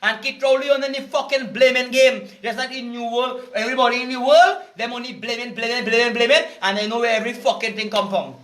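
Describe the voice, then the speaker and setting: A Trinidadian man rants in a very high voice, swearing constantly as he street-preaches. His tone is bright and cutting, and he circles back to the same points over and over. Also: steady tone, fast, few pauses. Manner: heated, cursing, repetitive. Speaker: vlogger. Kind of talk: profane street-preaching rant.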